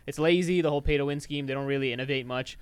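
Fast-talking man with a crisp, smooth voice. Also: mid-range voice, dry recording. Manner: animated, rambling with many fillers. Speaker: podcast co-host. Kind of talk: casual chat.

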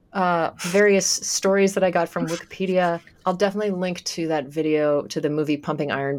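A woman co-hosting a podcast, chatting casually and signing off the episode in a relaxed way. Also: lowish voice. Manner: chatty, relaxed sign-off with laughs. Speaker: podcast co-host.

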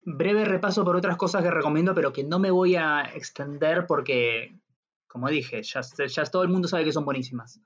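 A man, co-hosting a podcast and explaining his views in a measured way. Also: fairly high pitch. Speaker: podcast co-host. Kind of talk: casual film review chat. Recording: dull lo-fi audio.

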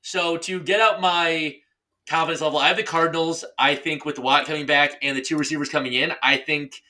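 Bright-voiced playful man talking football. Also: fairly high pitch, fairly even intonation, brisk. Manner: playful, teasing, rambling. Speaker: podcast co-host. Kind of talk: casual sports chat.

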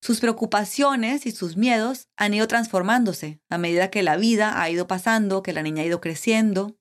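A woman's voice: medium pitch, moderate pace. A woman host narrating and speaking straight to the viewers in a conversational way. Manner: conversational, addresses viewers directly. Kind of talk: documentary-style narration.

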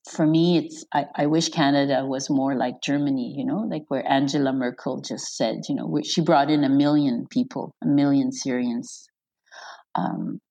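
A woman's voice: a bass voice, vocal fry. A middle-aged woman from Croatia, a guest in an interview, talking casually and laughing often. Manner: chatty, warm-hearted, laughs often, restarts sentences. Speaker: interview guest, elected official.

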